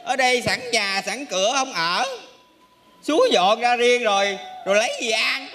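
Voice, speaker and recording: An actor playing an exasperated, henpecked husband with a Southern Vietnamese accent, complaining comically on stage. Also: male voice, extremely high pitch, normal speed, bright, forceful tone. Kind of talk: stage comedy acting. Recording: stage recording with background noise.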